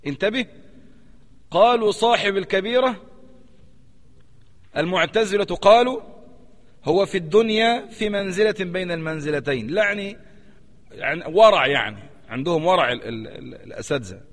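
An Egyptian-accented sheikh gives a religious lesson in a somewhat high voice, pressing each point and repeating his key phrases. His words ring with a long reverb, as in a large hall. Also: fairly bright tone. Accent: Egyptian Arabic. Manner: emphatic, repeats key phrases and urges listeners to pay attention. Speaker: sheikh teaching a creed lesson. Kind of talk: religious lesson, explaining a text.

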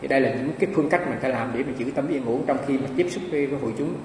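A man's voice: mid-range voice, very fast. A man, a Buddhist monk and translator, giving a chatty dharma talk full of stories. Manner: animated, chatty storyteller. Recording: echoey hall recording from far off, faint hiss.

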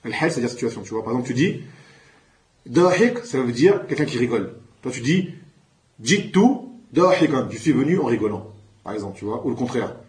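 A man with an expressive, medium-pitched voice teaches an Arabic lesson in French to a classroom. He calls out each new word louder, then explains it slowly.

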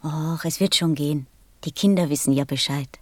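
A woman in an audio drama playing a gentle, serious little boy prince from another planet. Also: low voice, moderate pace, dry recording. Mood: reassuring.

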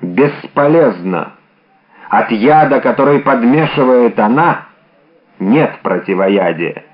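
A man voicing a grim, grave noble musketeer who speaks slowly and hoarsely, in an audiobook. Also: mid-range voice, expressive, natural voice. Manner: slow, heavy, sombre. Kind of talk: audiobook character reading. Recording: dull lo-fi audiobook recording.

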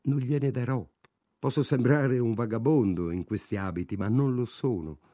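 A man's voice: medium pitch, normal speed, dark tone, dry recording, clean studio sound, close to an everyday voice. A man reading aloud and voicing a hungry young drifter who pleads earnestly. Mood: pleading.

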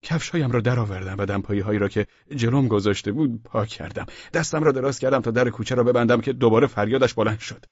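Man, audiobook narrator, husky, wry comic storytelling, dull dry studio sound. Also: mid-range voice, hardly any pauses, a little mellow, no echo.

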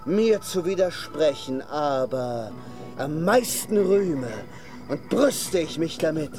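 Pompous lovesick knight, high voice, declamatory, mournful, boastful, radio play, light music behind. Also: male voice, animated, slow pace. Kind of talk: German radio play acting.

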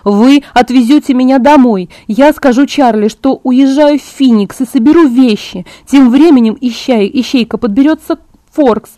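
A woman reading an audiobook, voicing a frightened but determined teenage girl who pleads and insists loudly. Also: high-pitched, moderate pace, no room sound, pitched above the performer's own voice, close to an everyday voice. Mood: insistent.

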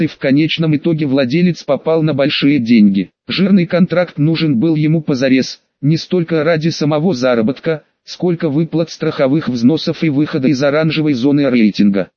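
A man narrating an audiobook in the first person with wry, even storytelling. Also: fairly high pitch, no echo, dull audio.

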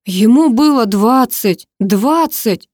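A woman's voice: high-pitched, a little fast, darkish tone, dry recording, clean studio sound, pitched above the performer's own voice, lightly acted. A woman voicing a furious, protective father in a novel reading, with indignant outbursts.

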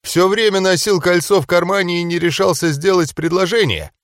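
A man's voice: high-pitched, brisk, a bit bright, no echo, studio quality, pitched above the performer's own voice. A man doing a smirking young man. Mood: mocking. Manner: mocking.

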